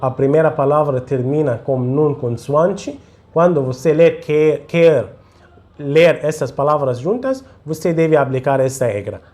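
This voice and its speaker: A man teaching Quran recitation in a slow tutorial, patiently repeating syllables for the learner to follow. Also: fairly high pitch, expressive, a little mellow.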